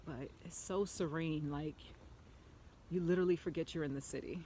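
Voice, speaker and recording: A woman's voice: low voice, steady tone, normal speed, a little mellow, a little hiss or hum. Chatty woman vlogging on a walk. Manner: chatty, rambling, lots of "like" fillers; talking while walking uphill. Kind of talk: casual walking vlog. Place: outdoor park path on a hillside. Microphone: handheld camera while walking.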